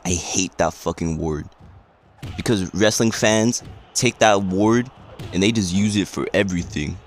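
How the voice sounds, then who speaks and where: Slow-talking man ranting about wrestling. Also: low-pitched. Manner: rambling, excitable, swears. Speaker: wrestling vlogger. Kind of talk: casual vlog rant.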